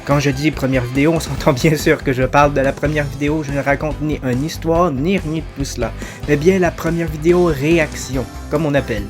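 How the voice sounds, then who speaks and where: A man's voice: on the high side, steady tone, a little fast, music in the background. Chatty man introducing his reaction video. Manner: chatty, self-deprecating, talks straight to viewers.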